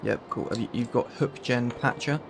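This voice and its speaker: A man's voice: medium pitch, normal speed, creaky, background noise. A man with a London accent, casually reading through a list of game mods with a friend. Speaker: streamer. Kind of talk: casual gaming chat.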